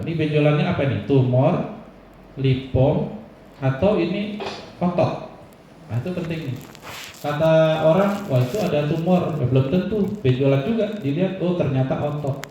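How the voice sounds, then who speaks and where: A man's voice: medium pitch, warm tone, lo-fi sound, slight background noise. A man teaching a class, explaining by example and asking and answering his own questions. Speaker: instructor. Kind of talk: classroom lecture. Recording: echoey room, voice from far off.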